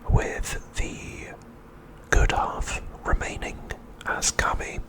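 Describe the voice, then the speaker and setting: Speaking as an ASMR host, a man goes over an episode recap in a breathy, voiceless whisper, keeping it hushed and deliberate.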